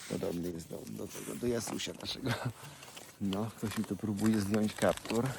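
Man, lowish voice, cooing to animals outdoors, clear animal and field noise behind. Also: fairly even intonation, moderate pace. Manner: affectionate, chatty, talks baby-talk to donkeys. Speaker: animal sanctuary caretaker. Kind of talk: casual vlog talk to animals and viewers. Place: outdoors in a donkey paddock. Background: animal sounds outdoors.

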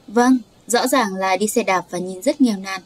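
A woman's voice: medium pitch, normal speed, natural voice. Brief: woman reading polite, deferential chauffeur.

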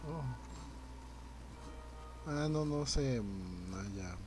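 A young man, streaming a game live, reacting loudly, swearing and greeting his chat. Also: mid-range voice, animated, drawn-out words, over music. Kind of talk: live gameplay commentary.

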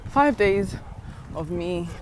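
A woman's voice: on the low side, expressive, takes it slowly. Young woman, rambling confiding vlog chat, outdoor street, earphone mic, traffic noise behind. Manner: chatty, rambling, confiding asides. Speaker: vlogger, mother. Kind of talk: casual walking vlog chat. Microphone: wired earphone mic, phone at arm's length.

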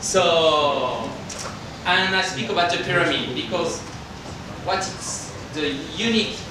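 Speaking in hesitant, basic English with a French accent, a middle-aged winemaker from France presents informally in a hotel function room. The recording is distant and reverberant, with background noise around his slightly high voice.

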